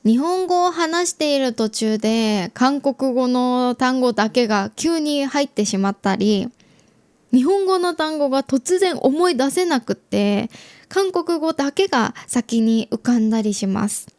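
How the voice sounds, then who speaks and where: A young adult Japanese woman hosting an easy-Japanese learning podcast, explaining gently and chatting with listeners. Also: high-pitched, animated, a little slow, no echo. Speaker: podcast host teaching Japanese.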